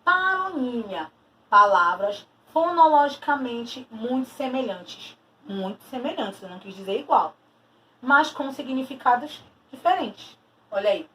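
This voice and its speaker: A woman's voice: on the high side, lively intonation, a little slow, fairly bright tone. A woman teacher giving a recorded lesson, explaining patiently and stressing key terms as she repeats them. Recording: distant mic with faint noise.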